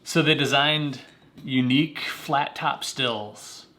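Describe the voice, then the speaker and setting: A man's voice: mid-range voice, steady tone, slow pace, pushed and bright. A man co-hosting a casual whiskey tasting, explaining distillery history with dry jokes.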